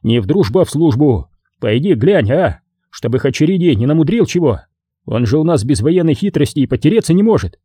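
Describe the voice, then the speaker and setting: A man voicing a gruff middle-aged partisan commander who gives curt, commanding orders. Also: on the high side, big pitch swings, brisk, dark tone, no room sound, pitched above the performer's own voice.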